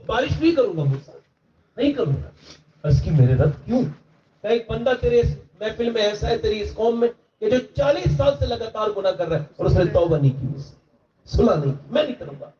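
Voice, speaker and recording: A man giving an impassioned religious speech to a large gathering, his voice climbing to strained high shouts. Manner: rises to high, strained shouting during retold dialogue. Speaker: preacher. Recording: distant, roomy, dull lo-fi sound.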